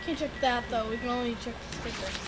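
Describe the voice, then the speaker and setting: High-voiced young woman hosting a game stream. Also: fast, very noisy. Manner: chatty, easily sidetracked. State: has the hiccups. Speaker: let's play host. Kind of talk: casual gameplay chat.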